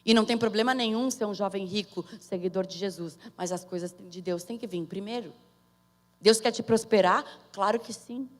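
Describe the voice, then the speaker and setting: A woman's voice: mid-range voice, normal speed. A woman with a Brazilian Portuguese accent preaching a sermon in a conversational way, calling out to her listeners. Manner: conversational, calls to the audience for amen. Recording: long hall reverb.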